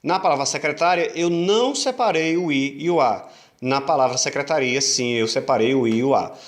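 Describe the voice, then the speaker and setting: A male teacher giving an online grammar lesson, patiently repeating rules, asking rhetorical questions and drawing out syllables slowly to show stress. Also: mid-range voice. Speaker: Portuguese teacher.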